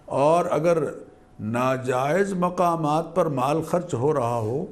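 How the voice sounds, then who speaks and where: Measured scholarly man explaining scripture. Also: a little high. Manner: measured, learned, weaves in Arabic quotations. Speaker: religious scholar guest. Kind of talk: religious explanation on TV.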